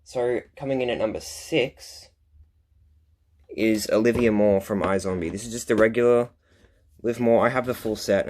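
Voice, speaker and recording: A man's voice: lowish voice, a little hiss or hum. A young man chatting casually as he hosts a top ten countdown of his collection, with self-deprecating asides. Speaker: collector, video host.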